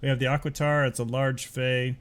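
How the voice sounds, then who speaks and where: A man's voice: mid-range voice, flat delivery, a little fast, slight background noise. A man hosting a casual online show, loose and rambling, often breaking into laughter. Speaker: host.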